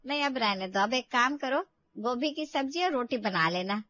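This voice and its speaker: A woman's voice: on the high side, lively intonation, moderate pace, a bit bright, lo-fi sound. A woman voicing a kind, motherly middle-aged mother-in-law in a cartoon story, speaking soothingly. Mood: calm. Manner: soothing, motherly, calls her daughter-in-law "bahu". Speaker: cartoon character.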